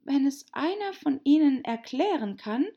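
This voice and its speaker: A woman's voice: sits high, animated, measured pace, muffled recording, pitched above the performer's own voice. A woman voicing a bold young girl who speaks bluntly in a storybook reading. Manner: blunt, matter-of-fact.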